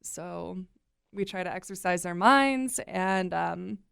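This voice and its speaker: A young woman chatting upbeat and friendly as an interview guest, quick to laugh. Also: fairly low pitch, gravelly, a bit bright, clean tone, no echo, clean studio sound. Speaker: guest, nonprofit communications coordinator. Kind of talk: casual interview chat.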